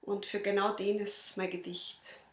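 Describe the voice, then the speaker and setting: A woman with a Bavarian accent, a cabaret performer reciting a dialect poem in a measured, rhythmic way. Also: medium pitch, level tone, reverberant. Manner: measured, rhythmic verse delivery.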